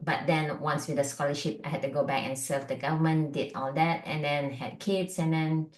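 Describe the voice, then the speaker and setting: Low-voiced Malaysian-born woman, chatty. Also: fairly even intonation, moderate pace, roomy sound. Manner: chatty, lots of fillers and likes. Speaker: functional medicine doctor, guest. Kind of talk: casual interview chat.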